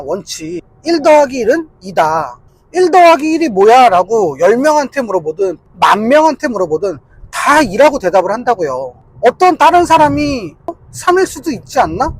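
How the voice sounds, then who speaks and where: A man's voice: very high voice, slightly rough, poor audio. A man giving a casual political commentary monologue, argumentative and insistent, repeating his points to hammer them home.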